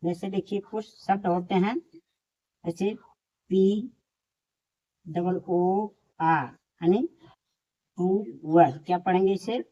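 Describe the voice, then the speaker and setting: A woman's voice: fairly low pitch, slow, pauses often, dark tone. A woman teaching a lesson step by step, patient and repeating each point. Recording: dull lo-fi recording.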